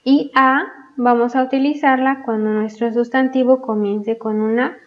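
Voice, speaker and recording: A woman teaching English grammar, explaining patiently and pronouncing example words slowly and clearly. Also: on the high side, fairly even intonation. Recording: dull lo-fi sound.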